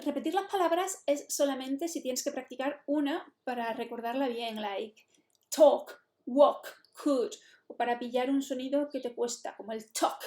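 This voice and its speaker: High-voiced Spanish woman teaching in a roomy echo. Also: a little mellow. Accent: Spain Spanish. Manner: chatty, explanatory, mixes in English phrases. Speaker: English teacher. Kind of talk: online English lesson explanation.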